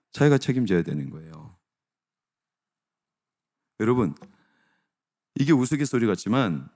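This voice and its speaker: A middle-aged male pastor preaching a sermon, animated and repeatedly asking the congregation direct questions. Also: mid-range voice.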